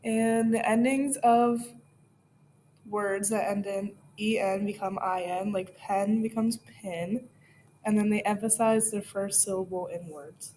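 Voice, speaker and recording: A woman's voice: medium pitch, steady tone, measured pace, warm tone, a little hiss or hum. A young woman student explaining points in a class presentation, with ums. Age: young adult.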